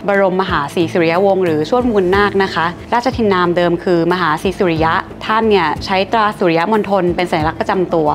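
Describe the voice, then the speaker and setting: A woman in her thirties presenting auction highlights in a polite, informative scripted manner, recorded in a gallery showroom with glass display cases. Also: fast, few pauses. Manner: polite, informative, frequent soft sentence-final particles. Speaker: auction specialist. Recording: clear music bed behind voice.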